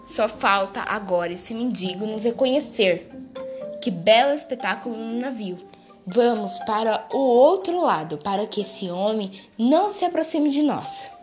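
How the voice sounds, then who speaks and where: A woman voicing a stern, quick-tempered middle-aged mother who scolds sharply under her breath, read over faint music. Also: on the high side, animated. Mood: scornful.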